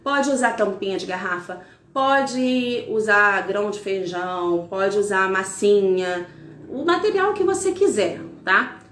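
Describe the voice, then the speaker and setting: A middle-aged woman with a Brazilian accent, a literacy teacher who patiently explains an activity step by step, sounding syllables out slowly. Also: mid-range voice, a bit bright, reverberant, slight background noise. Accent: Brazilian Portuguese. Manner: patient, explains step by step, frequent tag questions. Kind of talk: instructional demonstration.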